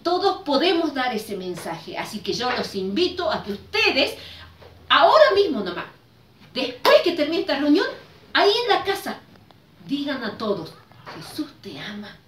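A woman's voice: high voice, very animated, normal speed, a bit bright, slight background noise. Sing-song woman teaching children. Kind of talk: children's sermon and prayer. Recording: echoey room, voice from a distance.

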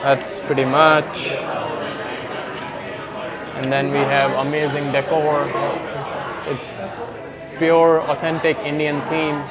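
A young man with a highish voice takes his time, leaving long pauses, while hosting a casual food review. Wearing a lapel mic in a restaurant full of chatting diners, he comments on each dish as he tastes it.

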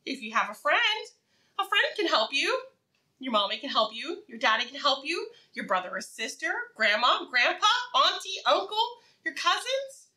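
Far from the microphone, a high-voiced teacher leads little ones through a read-aloud. Her simple, upbeat speech repeats key phrases and poses questions, then waits for the kids to respond.

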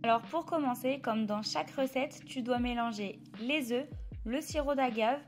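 A woman's voice: on the high side, normal speed, over music. A young woman narrating her home cooking steps in a chatty voice-over, talking straight to the viewer. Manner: chatty, addresses the viewer directly. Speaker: cooking vlogger. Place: home kitchen.

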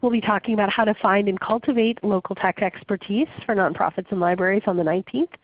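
A woman's voice: mid-range voice, fast talker, no echo. Woman hosting a webinar with a cold. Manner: conversational, with frequent ums and uhs. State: muffled voice from a cold. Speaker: webinar host. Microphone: webinar call audio. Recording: dry, phone-like webinar audio.

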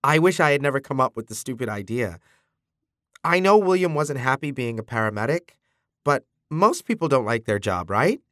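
A man's voice: mid-range voice, sing-song, moderate pace, fairly bright tone, no room sound, studio quality. A man narrating an audiobook voices a shaky, sniffling young man pleading with his father. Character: tearful young man, emotional adopted son.

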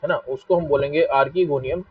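A man's voice: fairly high pitch, normal speed. Lo-fi online class, biology teacher guy w hindi accent, keeps repeating stuff n asking students, kinda far from the mic. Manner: repetitive, asks students questions and scolds them to stop fighting. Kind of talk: live online class lecture. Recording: dull lo-fi mic, a bit distant.

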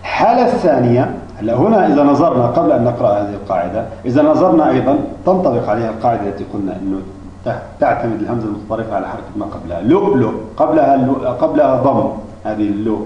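A man's voice: medium pitch, expressive, a little hiss or hum. A man teaching Arabic spelling rules, explaining step by step with frequent restarts and hesitations. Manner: halting, many restarts and fillers. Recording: distant mic, echoey room, dull lo-fi.

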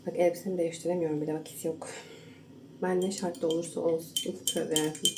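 A woman's voice: low voice, flat delivery, fast talker, distant mic. A young woman chatting to viewers while she cooks at home, now and then keeping her voice down for a sleeping family. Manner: hushed at times so as not to wake her husband and baby. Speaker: home cooking vlogger. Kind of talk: casual kitchen vlog chat. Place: home kitchen. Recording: roomy kitchen echo, camera set back, household noise.

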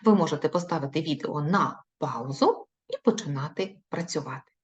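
A woman teaching young children in a recorded video lesson, speaking slowly in an encouraging, sing-song way. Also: deep voice, animated. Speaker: primary school teacher. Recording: dull lo-fi recording.

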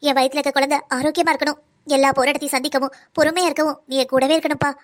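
A woman's voice: sits high, flat delivery, very fast, natural voice. A young woman voicing a patient, hurt pregnant wife in a cartoon drama, speaking earnestly. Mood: praying. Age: young adult. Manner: soft, earnest pleading.

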